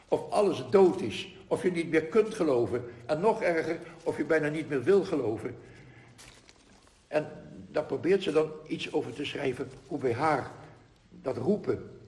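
Man with a slightly high voice, reflective teacher reading aloud to a group, slow and earnest, roomy echo. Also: darkish tone. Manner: slow, earnest, with frequent pauses and tag questions. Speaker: spiritual teacher addressing a group. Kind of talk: reflective talk with read-aloud passages.

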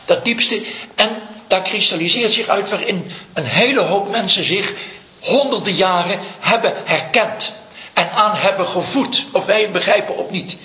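A man, a Zen teacher, giving a slow, reflective dharma talk full of stories. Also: high voice, pushed and bright. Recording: echoey room, dull lo-fi sound.

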